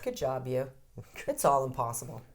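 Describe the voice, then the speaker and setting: Her pitch is extremely low and her pace moderate, with background noise behind her. She's a codependency counselor in her thirties, chatting openly as an interview guest, animated and quick to swear.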